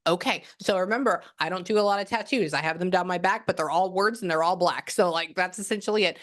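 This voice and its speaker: Talking quickly in a lowish voice, a woman does a casual psychic reading on a video call, rambling and restarting often as she chats.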